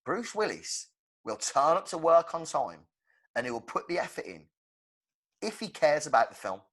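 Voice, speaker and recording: A young man co-hosting a movie podcast in casual, animated chat. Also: on the high side, normal speed. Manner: animated, acts out quotes. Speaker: podcast co-host.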